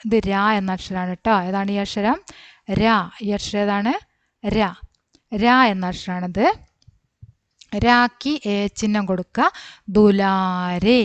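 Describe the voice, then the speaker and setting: Patient woman teaching letters slowly. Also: mid-range voice, no echo, lo-fi sound. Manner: slow, patient letter-by-letter explanation with questions to pupils. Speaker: Hindi teacher. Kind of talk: online language lesson.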